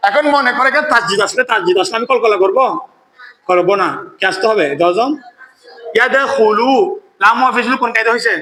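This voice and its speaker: Bright, high-voiced male recitation teacher. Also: roomy sound, slight background noise, low-quality recording. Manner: quizzes students, often asks "কেমন?" to check understanding; chants verses slowly when demonstrating recitation. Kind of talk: classroom tajweed lesson.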